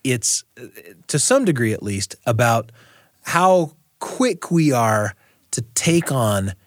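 Animated American man hosting a radio show. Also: mid-range voice, slow, no room sound, studio quality. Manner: appreciative, encouraging. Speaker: radio show and podcast host. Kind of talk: conversational interview and warm sign-off to listeners.

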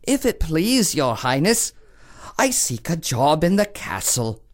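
A woman's voice: sits low, big pitch swings, slow, exaggerated voice. A woman doing a sly, polite swineherd prince.

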